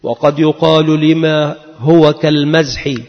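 A man's voice: on the high side, level tone, unhurried. A man giving a religious lesson, chanting verses melodically and reading scholars' definitions in a plain teaching voice. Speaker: Islamic lecturer. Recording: dull lo-fi sound with long reverb.

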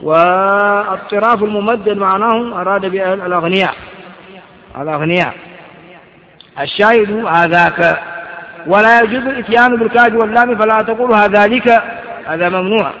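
A man's voice: sits high, a little fast, long pauses, fairly bright tone. Man teaching grammar, asks rhetorical questions. Lo-fi lecture hall recording. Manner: reads a text aloud, then explains it with rhetorical questions. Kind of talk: classroom commentary on a grammar text. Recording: muffled, echoey lecture hall.

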